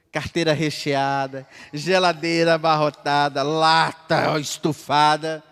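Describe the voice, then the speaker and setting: A male pastor from Minas Gerais, Brazil, preaching a sermon with a Brazilian Portuguese accent, swinging between loud high exclamations and low quiet asides as he acts out dialogues. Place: church hall. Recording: long church reverb.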